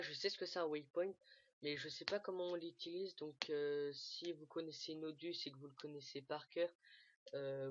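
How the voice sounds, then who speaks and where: A speaker walking viewers through a game tool in a casual screen-recorded tutorial, hesitating often, with many fillers and restarts. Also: medium pitch. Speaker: gaming tutorial maker. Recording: dull lo-fi dry mic.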